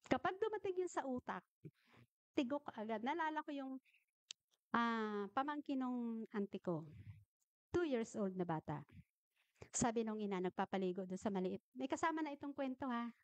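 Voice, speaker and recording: A woman giving an animated talk to an audience, asking questions and telling anecdotes. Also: on the high side, normal speed, pauses often, no room sound. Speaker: health speaker at a church gathering. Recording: dull, slightly muffled recording.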